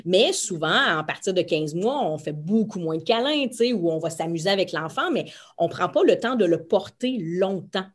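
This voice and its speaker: A middle-aged woman with a Québécois French accent, co-hosting a podcast as a pediatric dietitian, talking in an animated, reassuring way and stressing her key words. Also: on the low side, moderate pace, hardly any pauses. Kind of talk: casual podcast chat.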